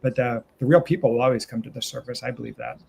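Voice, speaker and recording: A man's voice: mid-range voice, fairly even intonation, quick pace, creaky, a little mellow, slight background noise. A man in a casual group discussion, speaking earnestly and reflectively.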